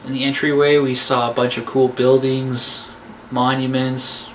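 A man in his forties giving a relaxed, offhand voice-over recap of a trip from a small room at home. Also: mid-range voice, measured pace, slight background noise. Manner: relaxed, offhand, trailing fillers. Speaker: vlogger.

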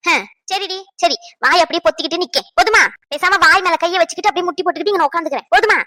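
Nagging cartoon mom voiced by a woman, very high voice, fast, dry sound. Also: animated, a bit bright, dry recording. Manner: scolding, nagging, rapid-fire. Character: sharp-tongued middle-aged mother, quick to bicker. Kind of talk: cartoon dubbing.

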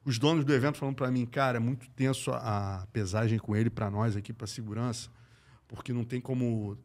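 A middle-aged Brazilian man, a combat sports journalist appearing as a podcast guest, animatedly tells an anecdote in his native accent. His voice sits at an ordinary middle pitch for a man, and his slangy, profane speech swings between loud bursts and near-whispers as he acts out quotes.

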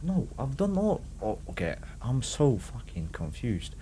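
With a mellow, mid-range voice that swings hugely in pitch, a Norwegian live streamer with a Norwegian accent speaks at a measured pace, chatting and swearing casually with viewers during a video game. There's a little hiss or hum, plus game ambience featuring vehicle sounds.

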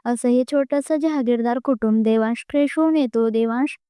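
A woman reads a story aloud in a steady, even manner, her voice high and smooth. The sound is close and dry, with no room around it. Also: fairly quick, no echo. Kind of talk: scripted story narration.

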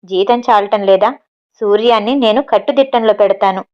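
A woman's voice: mid-range voice, moderate pace, close to an everyday voice. An older man heading a household, as a woman narrator puts him on, coaxing and pleading in a storybook reading. The sound is dull and lo-fi.

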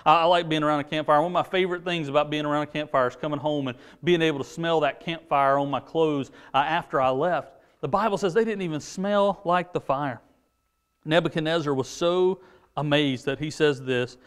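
A man in his forties with a high-pitched voice leads a children's church lesson from a pulpit. He tells the story animatedly and often restarts his sentences, speaking into a lapel mic on a studio set. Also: clear, resonant tone. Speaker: junior church preacher.

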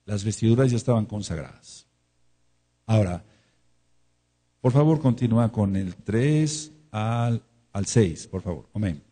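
A Mexican pastor delivering a sermon in a dark, mellow voice with a husky edge. He is emphatic, often repeats a word several times, and sometimes acts out the questions of imagined listeners. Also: lowish voice, expressive, unhurried, long pauses.

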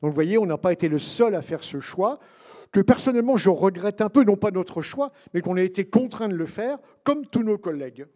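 A man's voice: sits high, expressive, fairly quick, mellow. A man who is one of a book's authors, answering an audience question at a public talk, digressive with wry asides and many fillers.

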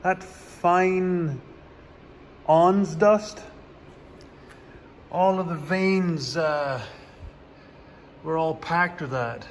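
A fairly high-voiced man walks through a tractor repair in an unhurried, plainspoken drawl, slipping in dry sarcastic asides. His voice rings off the walls of a farm workshop, with long reverb and a faint background hum. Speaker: farmer doing his own repairs. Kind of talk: casual how-to vlog narration.

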